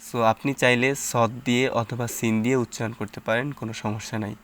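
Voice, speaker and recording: A man teaching Quran reading, sounding out each syllable slowly and patiently, with short explanations between drills. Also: mid-range voice, level tone, fairly bright tone. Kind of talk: slow syllable-by-syllable recitation lesson.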